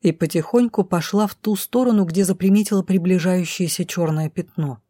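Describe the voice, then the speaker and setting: A woman reads a fantasy audiobook with tense, urgent drama. Her voice sits low and sounds mellow and dark. The sound is dry and close, with no room around it. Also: a little fast, dry recording. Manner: voices the characters' lines herself, tense and urgent. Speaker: audiobook narrator.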